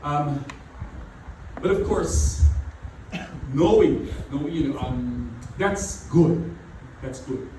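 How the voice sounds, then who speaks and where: With a fairly high pitch, lively intonation, and a slow pace, a middle-aged pastor whose first language is not English preaches a sermon. He repeats phrases, often adding "you know." The mic is far away in a very echoey church hall, and background noise is present.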